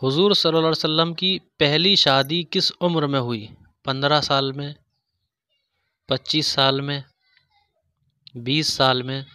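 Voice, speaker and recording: A man reading religious quiz questions, pausing over each option before he gives the answer. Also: a little high, fairly even intonation, bright, forceful tone, smooth, no echo, studio quality. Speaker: quiz host. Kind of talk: scripted quiz narration.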